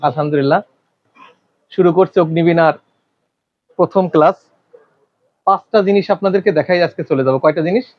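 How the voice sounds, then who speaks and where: A male teacher giving a classroom lecture, constantly quizzing his students with quick questions. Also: fairly high pitch, lo-fi sound.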